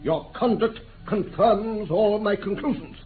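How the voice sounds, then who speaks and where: An actor playing a crusty, pompous elderly lord with an upper-class British accent, formal and blustering, in a 1950s radio drama. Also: male voice, high-pitched, a little slow. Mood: indignant. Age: older. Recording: muffled, noisy 1950s radio recording.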